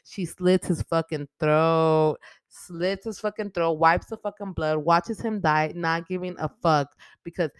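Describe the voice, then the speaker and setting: A young woman hosting a casual podcast, recapping a movie in a profane, animated way with lots of "like". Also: low voice, measured pace, clean tone, no room sound. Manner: profane, animated retelling with frequent "like". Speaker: podcast host.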